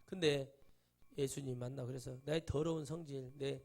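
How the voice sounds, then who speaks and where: A middle-aged man preaching a sermon as a pastor in a church, telling stories in casual speech, acting out the voices of people he quotes and breaking into sudden loud bursts. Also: mid-range voice, fairly even intonation, moderate pace, heavy background noise. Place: church sanctuary.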